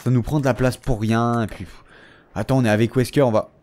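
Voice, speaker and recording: A man casually commentating his gameplay, talking straight at the characters, mocking and taunting enemies, dropping from low muttering to excited yelps. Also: fairly quick, slight background noise. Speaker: let's play gamer.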